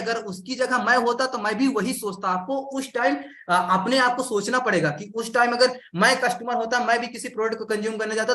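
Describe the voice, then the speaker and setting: High bright-voiced male sales trainer. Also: reverberant. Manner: animated, acts out customer and seller lines, addresses audience directly. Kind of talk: live sales training session.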